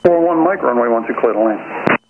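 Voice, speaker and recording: A man's voice: medium pitch, animated, a little fast. A man speaks as a tower controller over air traffic control radio. The transmission is thin and phone-like, with obvious noise around his voice. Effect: aviation radio.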